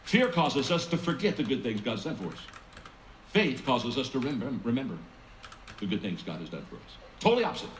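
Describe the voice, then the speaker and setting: A man's voice: mid-range voice, a little fast. A man giving a motivational talk, telling stories and repeating words as he goes. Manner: lively, laughs at his own jokes, repeats words. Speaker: motivational speaker. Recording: echoey room with faint hum.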